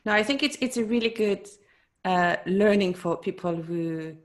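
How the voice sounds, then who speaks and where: A woman hosting a podcast, asking questions in a casual interview and listening attentively with soft murmurs of agreement. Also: medium pitch, normal speed. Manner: attentive, gives frequent soft backchannel murmurs. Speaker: podcast host.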